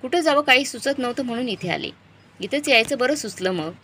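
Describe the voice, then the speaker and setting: A woman's voice: sits high, expressive, brisk, pushed and bright, pitched above the performer's own voice, exaggerated voice. A woman voicing an upset middle-aged wife and mother who pleads with and confronts her husband. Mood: upset pleading.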